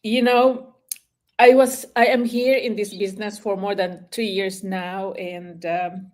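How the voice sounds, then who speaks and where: A woman's voice: mid-range voice, steady tone, measured pace. An older woman giving a shy, hesitant personal testimony with many fillers. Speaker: retired nurse giving a testimony.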